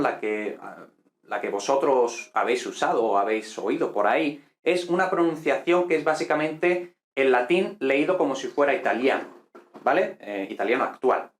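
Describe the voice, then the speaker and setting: Chatty teacher in an echoey room. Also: male voice, medium pitch. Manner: explanatory, chatty, many fillers and tag questions. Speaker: Latin teacher. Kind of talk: casual online lesson.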